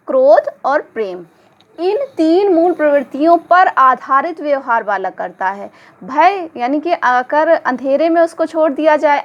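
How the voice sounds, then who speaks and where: High-voiced woman teaching an exam-prep lesson. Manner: explanatory, poses questions then answers them. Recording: dull lo-fi recording.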